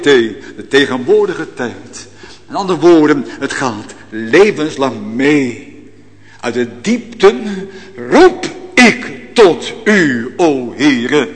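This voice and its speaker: A man preaching a sermon as pastor, swinging between loud, rising calls and hushed, low passages. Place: church. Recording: long church reverb.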